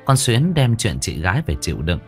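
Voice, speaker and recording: A man narrating a ghost story in a dramatic, expressive way. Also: fairly low pitch, a little fast, soft background music.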